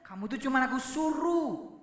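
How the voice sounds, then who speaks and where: A stern, insistent God, as a preacher puts him on, raised high above the speaker's own pitch. The voice is bright and forceful. It rings through a very echoey church hall. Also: male voice, animated, normal speed. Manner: insistent, emphatic. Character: God, stern male voice correcting Moses.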